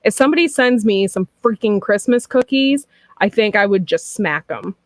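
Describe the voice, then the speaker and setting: A woman's voice: medium pitch, expressive, normal speed, no room sound. A woman in her thirties, hosting a casual chat, talking frankly and loosely with lots of fillers. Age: 30s. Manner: chatty and frank, with frequent laughs and fillers. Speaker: host.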